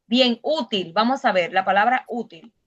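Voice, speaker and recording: A woman's voice: a little high, moderate pace, muffled recording. A woman teacher leading an online class, patiently asking questions and explaining step by step.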